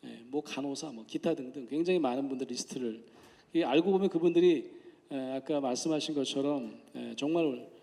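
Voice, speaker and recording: A man's voice: mid-range voice, a little fast, gravelly, mellow. A man giving a public lecture as a professor. He speaks in a conversational way, asks the audience questions and acts out the voices in his anecdotes. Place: lecture hall at a forum. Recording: long hall reverb.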